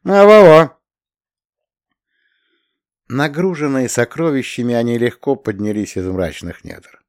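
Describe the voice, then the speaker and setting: A man's voice: medium pitch, lively intonation, moderate pace, a little mellow, no echo. Man narrating an audiobook, dry sound.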